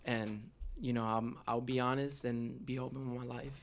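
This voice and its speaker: Speaking at normal speed with a flat, medium-pitched delivery, a young adult man shares personal stories as a podcast guest. His Southern California American accent marks him as from the Los Angeles area, and his manner is open, informal, and slangy.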